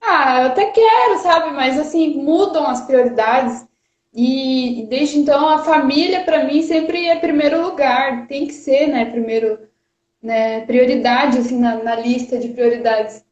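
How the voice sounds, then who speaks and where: Speaking at a measured pace with a slightly mellow, high-pitched voice, this thirty-something Rio de Janeiro woman carries a Paraná Brazilian Portuguese accent. As a guest on a casual livestream, she chats nervously, laughs a lot, and fills pauses often. She's indoors at her parents' house, recorded on a charging phone with muffled, echoey sound.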